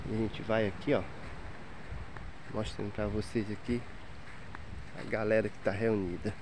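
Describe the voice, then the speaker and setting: With a lowish voice, level tone, and moderate pace, a man in his thirties hosts a casual vlog tour of a windy seaside campground, chatty and upbeat. He records on a handheld phone, and the wind comes through loudly on its mic.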